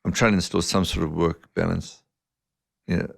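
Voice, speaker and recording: A middle-aged man sits in for a casual podcast chat as the guest. His voice is low and gravelly, recorded close and dry. He tells stories at an easy pace and likes to poke fun at himself. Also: moderate pace, no echo. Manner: relaxed anecdotal storyteller, self-mocking, laughs often. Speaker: guest, eye surgeon. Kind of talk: casual podcast interview storytelling.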